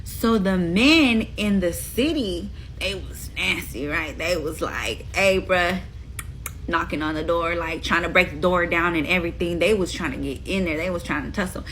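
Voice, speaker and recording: A woman's voice: fairly low pitch, normal speed, a bit bright, a little hiss or hum, poor audio. A woman casually retelling a Bible story in slangy, chatty talk, acting out the quotes as she goes. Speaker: host.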